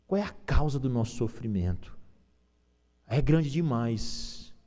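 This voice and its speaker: A man's voice: mid-range voice, animated, measured pace, dark tone. A man with a Brazilian Portuguese accent, preaching an Easter sermon as pastor and asking the congregation rhetorical questions.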